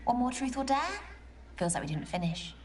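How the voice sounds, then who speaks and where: A woman's voice: fairly high pitch, lively intonation, fairly quick, a crowd in the background, natural voice. A woman playing a playful, flirty date. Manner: playful, teasing. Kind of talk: live-action dating game scene.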